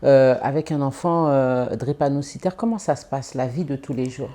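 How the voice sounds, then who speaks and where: A woman hosting an interview, asking her guests gentle, attentive questions. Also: rumbling low, normal speed. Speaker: talk show host.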